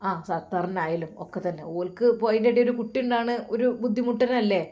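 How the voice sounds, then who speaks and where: A woman's voice: medium pitch, fast, warm tone, natural voice. A woman voicing a complaining, self-pitying mother who scolds and grumbles in a Malappuram Malayalam accent. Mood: grumbling.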